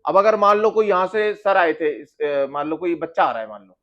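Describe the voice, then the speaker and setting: A man with a high voice teaches physics in a lecture, putting questions to his students and answering them himself. He talks. The recording is a little dull and lo-fi. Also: animated, moderate pace. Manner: explains with questions to students, addresses them as beta. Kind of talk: classroom lecture.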